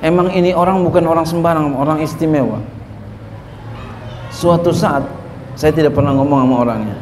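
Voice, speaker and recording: A man's voice: a little high, moderate pace, a little mellow. A man preaching a sermon on a religious text in a conversational way, addressing the congregation with teasing asides. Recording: long hall reverb, faint ambient noise.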